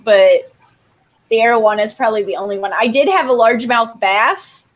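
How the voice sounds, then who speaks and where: A woman's voice: a little high, fairly quick. A woman guest on a fish-keeping video call, chatting casually about her fish and laughing often. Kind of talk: casual chat. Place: home room with lit aquariums. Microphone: webcam on a video call.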